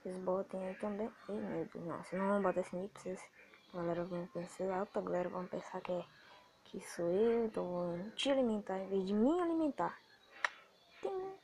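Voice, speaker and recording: A male gaming host with a Brazilian Portuguese accent, excitable and swearing as he comments on his gameplay. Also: high voice, a little hiss or hum. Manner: excitable, swearing, quick to frustration.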